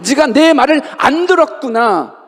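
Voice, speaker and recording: A man's voice: extremely high pitch, expressive, normal speed, pitched above the performer's own voice. A man voicing a grieving God in a church with long reverb. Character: grieving God lamenting to disobedient humans.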